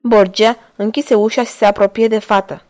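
A woman narrating a novel in a steady, measured reading voice. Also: medium pitch. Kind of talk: audiobook narration.

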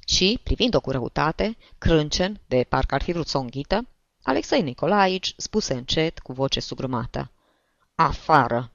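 A woman reads a story aloud with a lively, low voice. The recording is dull and lo-fi, and it sounds close and dry. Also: vocal fry, no room sound. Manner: expressive. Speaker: narrator. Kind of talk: story reading.

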